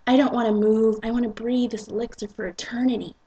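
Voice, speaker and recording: Husky woman reading a novel dramatically. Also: a little high, steady tone, quick pace, mellow, lo-fi sound. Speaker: reader and narrator. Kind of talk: dramatic narration of a romance novel.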